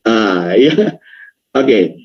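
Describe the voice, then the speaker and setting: A man's voice: fairly low pitch, expressive, very slow. A young man teaching public speaking in an online workshop, stressing words to demonstrate intonation and slipping into casual slangy asides. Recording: lo-fi video call audio.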